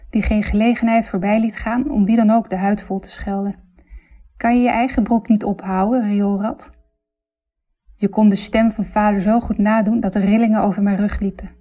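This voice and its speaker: A woman narrating a literary story in a reflective, measured, intimate way. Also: mid-range voice, dark tone.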